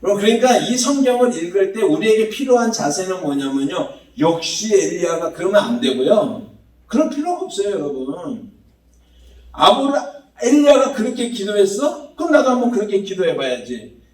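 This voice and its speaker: A man preaching a Sunday sermon in a church, talking to the congregation in a lively, conversational way and often asking them questions. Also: high voice, moderate pace. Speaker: pastor. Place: church sanctuary. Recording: roomy church hall, mic at a distance.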